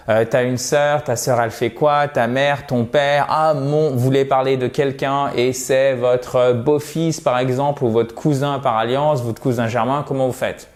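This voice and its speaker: A man teaching English vocabulary as a lesson to camera, repeating words slowly and chatting between pronunciation drills. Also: mid-range voice, darkish tone. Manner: slow, drawn-out pronunciation drills, chatty asides.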